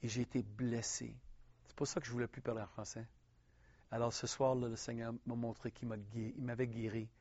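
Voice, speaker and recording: A man from Quebec with a Québécois French accent, preaching a personal testimony in an earnest, halting way with frequent restarts. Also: medium pitch, level tone, a little mellow, dry recording, lo-fi sound.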